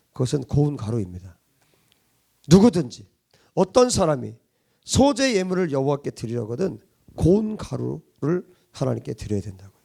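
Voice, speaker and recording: Male pastor, sermon voice, lively high-pitched delivery, husky and gravelly. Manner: emphatic preaching with rhetorical questions, swinging between loud and hushed. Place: church congregation.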